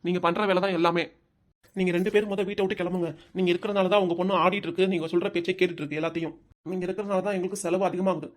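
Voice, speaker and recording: A woman's voice: on the low side, fairly even intonation, very fast, lightly acted. A woman voicing a hot-headed young grandson in a cartoon, speaking with a Tirunelveli Tamil accent in a stubborn, confrontational way. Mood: angry.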